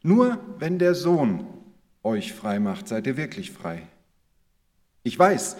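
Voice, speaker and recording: Jesus as an earnest, steady male teacher, read by a preacher, his voice moving with a lively melody and carried on the long reverb of a church hall. The delivery is measured and unhurried, a reading of scripture. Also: medium pitch, natural voice.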